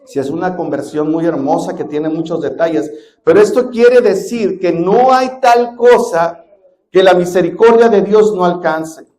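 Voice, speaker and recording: High-voiced pastor preaching emphatically. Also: male voice, moderate pace. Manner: emphatic preaching, swinging between loud stresses and hushed drops; asks the congregation questions. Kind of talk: sermon. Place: church.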